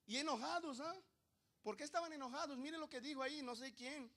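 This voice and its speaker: High-voiced man preaching a lively sermon. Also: brisk. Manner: animated preaching, swings from quiet asides to loud emphasis; rhetorical questions to the congregation. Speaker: pastor.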